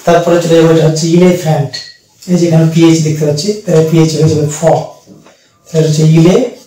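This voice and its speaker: A man teaching an English pronunciation lesson, explaining slowly and repeating each word. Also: on the high side, level tone, dark tone, heavy reverb, far from the mic, poor audio. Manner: slow, repetitive explaining with fillers.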